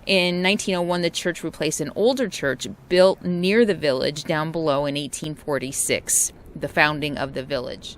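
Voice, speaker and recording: A woman's voice: deep voice, normal speed, hardly any pauses, slight background noise. A woman RV vlogger talking casually to camera outdoors, chatting and reading out local history with small stumbles. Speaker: RV travel vlogger. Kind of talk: casual travel vlog narration.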